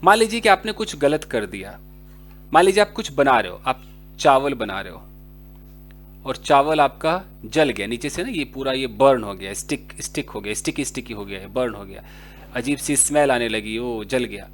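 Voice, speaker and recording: A man's voice: mid-range voice, animated, normal speed. A man teaching English in a casual explanatory lesson, speaking to viewers directly and acting out example dialogues. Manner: chatty, addresses viewers directly.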